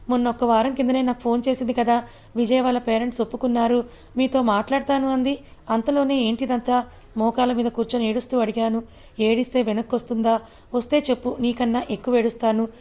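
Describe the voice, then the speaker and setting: A woman reads a first-person audio story aloud, voicing all the characters herself. Her voice sits fairly high and stays flat and even, with little rise or fall from line to line. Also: fairly quick. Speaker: storyteller reading a serialized story.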